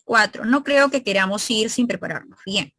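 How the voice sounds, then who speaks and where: A woman's voice: mid-range voice, lively intonation, moderate pace, a bit bright, dry recording. A woman teacher leading an online exam review class, asking her students questions and explaining grammar step by step.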